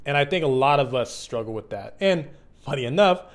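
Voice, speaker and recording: A man in his mid twenties talking candidly and off the cuff as a video creator, earnest and reflective, halting and conversational with slang. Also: mid-range voice, animated. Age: mid 20s. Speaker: YouTube content creator. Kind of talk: candid, unscripted personal vlog.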